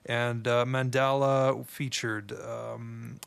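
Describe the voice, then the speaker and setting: Monotone radio host, a man. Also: medium pitch, takes it slowly, creaky, clean tone. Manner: easygoing, chatty aside-filled delivery. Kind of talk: casual radio chat. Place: radio studio. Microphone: studio microphone.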